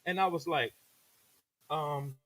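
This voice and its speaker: A man hosting a music show tells a story with a lively, swinging pitch that sits a little high. He acts out the voices of everyone in it, sliding in and out of them. The sound is close and dry. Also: a little slow, no echo. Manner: animated, acts out quoted voices. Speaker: host. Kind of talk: casual storytelling. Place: radio studio.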